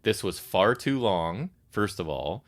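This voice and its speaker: A man co-hosting a wrestling recap podcast, giving his opinions with dry, deadpan sarcasm. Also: deep voice, unhurried. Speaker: podcast co-host. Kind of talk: casual wrestling recap chat.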